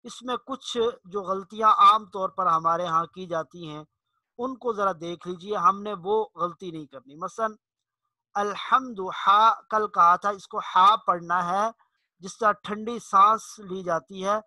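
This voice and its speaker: A middle-aged man teaching Quran recitation, explaining rules in a plain lesson voice and chanting verses slowly. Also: high voice, steady tone, bright, forceful tone, no room sound.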